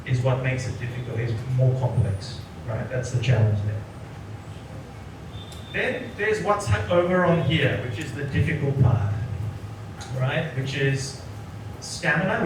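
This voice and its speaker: A man in his forties, from Sri Lanka, a psychologist giving a workshop lecture who keeps checking in with the audience by asking "right?". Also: mid-range voice. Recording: echoey room, voice from a distant mic, noticeable background noise.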